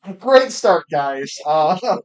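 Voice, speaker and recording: A woman's voice: lowish voice, big pitch swings, slow, faint music behind. A woman player chatting in a tabletop game, giggly and chatty, often searching for words. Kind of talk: casual chat in a tabletop game.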